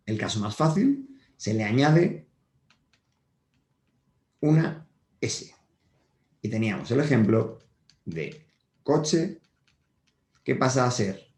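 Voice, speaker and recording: Guy from teaching kids grammar, lowish voice, patient, keeps checking in, echoey room. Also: a little mellow. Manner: patient, repeats points with frequent check-ins. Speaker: primary school teacher. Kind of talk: whiteboard grammar lesson for children. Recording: roomy echo.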